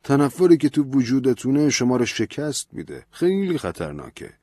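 A man's voice: fairly high pitch, expressive, a little mellow, no room sound, clean studio sound, voice pushed up. A man voicing a stern, preachy priest who lectures in an earnest, raised voice. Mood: urgent, reproachful. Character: stern older male priest, pleading, preachy.

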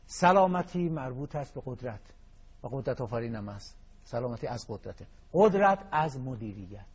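A man giving an impassioned motivational talk, swinging between hushed and emphatic delivery and reciting verse. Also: mid-range voice, lively intonation, slightly rough. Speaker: guest speaker on happiness and hope.

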